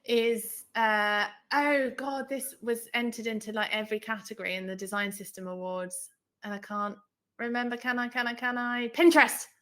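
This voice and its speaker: A woman co-hosting a casual podcast, reacting in an animated, exclamatory way. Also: fairly high pitch, moderate pace. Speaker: podcast co-host.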